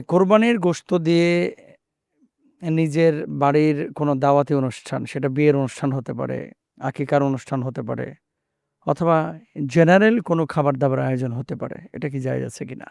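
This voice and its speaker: Host guy asking a scholar stuff, polite, says "ji" a lot, raspy-gravelly, dry sound. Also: on the high side, a little fast, darkish tone, no room sound. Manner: respectful, frequent affirming interjections. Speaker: show host asking questions. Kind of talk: religious Q&A interview.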